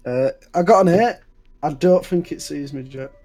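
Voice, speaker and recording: A man's voice: fairly high pitch, normal speed, a little mellow. A man talking casually with friends as a player in a tabletop role-playing game.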